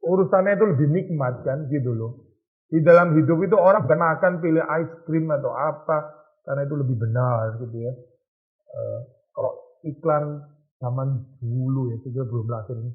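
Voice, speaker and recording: A man's voice: medium pitch, moderate pace. A man, a pastor, teaching a youth Bible study in a conversational lecture, asking the group rhetorical questions. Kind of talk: informal lecture. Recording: tinny phone-like lo-fi recording.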